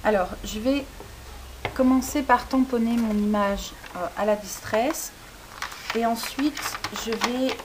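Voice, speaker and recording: A woman's voice: a little high, slow. Chatty woman. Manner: chatty, many hesitations. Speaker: crafting tutorial host. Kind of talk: casual demonstration tutorial. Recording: faint hiss.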